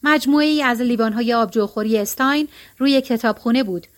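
A woman reading a story aloud as narrator, calm and even. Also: fairly high pitch.

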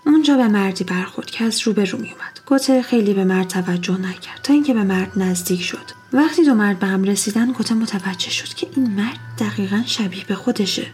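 Woman telling spooky stories soft and hushed, music faint underneath. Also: medium pitch, few pauses. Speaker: narrator. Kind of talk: storytelling narration.

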